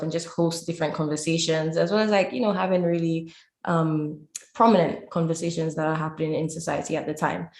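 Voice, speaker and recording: Low-voiced woman, roomy sound. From Saint Lucia. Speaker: guest, Creole language teacher. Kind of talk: conversational interview answers.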